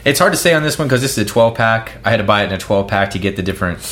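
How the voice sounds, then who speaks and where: A man's voice: on the low side, animated, racing, fairly bright tone. A man co-hosting a casual podcast, tasting and rating beers, talking in a rambling, hesitant way with many restarts. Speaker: podcast co-host. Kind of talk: casual beer-tasting chat.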